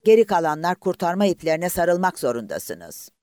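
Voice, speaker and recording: A man's voice: fairly high pitch, very animated, normal speed, a little mellow, dry recording, studio quality, voice pushed up. A man voicing a commanding male ship's officer who barks urgent orders in a lifeboat, read as a character in an audiobook.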